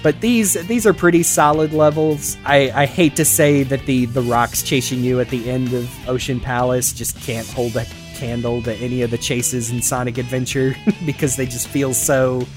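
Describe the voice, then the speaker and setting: A man's voice: medium pitch, fairly even intonation, normal speed, hardly any pauses, soft background music. A man co-hosting a podcast, rambling casually with lots of laughs, fillers and restarts. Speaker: podcast co-host. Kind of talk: casual chat about games.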